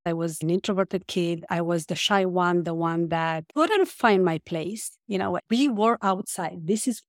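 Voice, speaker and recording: A woman with a Romanian accent speaks in a slightly low voice. Her talk is earnest, full of small fillers as she hunts for words. The sound is dry and close. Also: measured pace, no room sound. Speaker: podcast guest, life coach. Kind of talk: casual interview talk.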